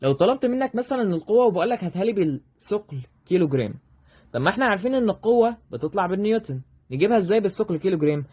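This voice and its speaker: A man with an Egyptian accent teaching a review lesson, addressing students directly and checking in with quick questions. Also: high-pitched, animated, a little mellow, husky. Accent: Egyptian Arabic. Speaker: math teacher.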